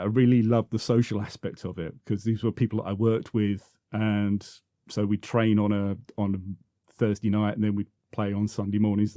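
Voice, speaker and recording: A man from South London reminisces as a podcast guest in a conversational interview, often restarting sentences and repeating words. His voice is lowish and warm, captured in a dry, studio-quality recording.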